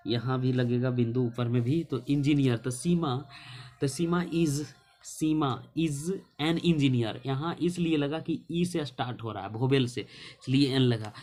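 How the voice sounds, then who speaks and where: Guy teaching english basics, mid-pitch voice, slow letter by letter spelling, keeps asking then answering his own questions. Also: darkish tone, a little hiss or hum. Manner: slow, drawn-out dictation of spellings. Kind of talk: classroom lesson explaining translation.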